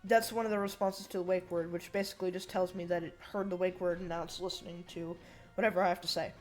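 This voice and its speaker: A woman's voice: on the low side, fairly even intonation, quick pace, darkish tone, soft background music. Young-sounding woman with braces, slightly slurred S's. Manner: informal, rambling, thinking aloud. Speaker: hobbyist programmer demonstrating a project. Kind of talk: casual unscripted tech demo narration.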